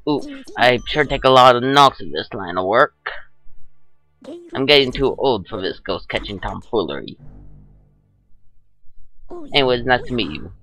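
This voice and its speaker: A man doing a creaky old professor voice. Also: medium pitch, expressive, a little slow, long pauses, pushed and bright, soft background music. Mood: fussy. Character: fussy old male ghost-hunting professor. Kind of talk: let's play voice reading.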